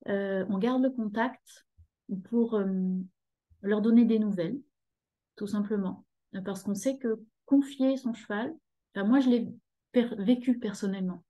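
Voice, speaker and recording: A horse rescue association member in her fifties appears as a guest on a video call, speaking from her living room through a laptop webcam, so the recording quality is low. Her voice is medium in pitch, mellow and unhurried, and she talks at great length, hesitating often with many fillers.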